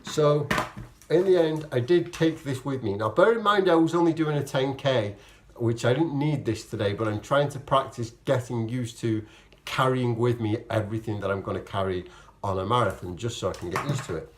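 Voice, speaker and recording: A vlogger and amateur marathon runner talks casually to camera in a mid-pitched voice at normal speed. His explanations ramble and loop back as he corrects himself, and he often acts out what he was thinking at the time.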